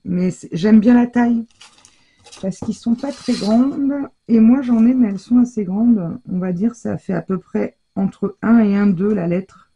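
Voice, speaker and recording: A middle-aged woman presenting her craft shopping haul in a casual, chatty way, hesitating often and filling pauses as she goes. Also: medium pitch, dark tone, slightly rough. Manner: chatty, hesitant, full of fillers and self-corrections.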